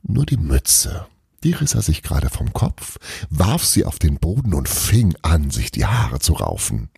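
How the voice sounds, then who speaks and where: A man chatting briefly before reading an Advent calendar story chapter in an expressive way. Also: very deep voice, measured pace, vocal fry, slightly rough, dry recording, studio quality.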